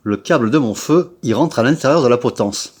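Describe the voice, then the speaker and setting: A man's voice: mid-range voice, expressive, a little fast, a little mellow, slightly rough. French guy doing a diy scooter tutorial, blunt and slangy, talks right at you, lots of little tags. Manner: chatty, blunt and slangy, addresses viewer as tu, many filler tags. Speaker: scooter repair vlogger. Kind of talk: casual how-to tutorial.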